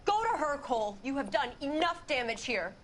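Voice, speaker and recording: An actress playing the upset wife of a disgraced detective, cold and reproachful, in a game cutscene. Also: female voice, high-pitched, sing-song, fairly quick, fairly bright tone, a little hiss or hum. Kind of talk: video game cutscene acting.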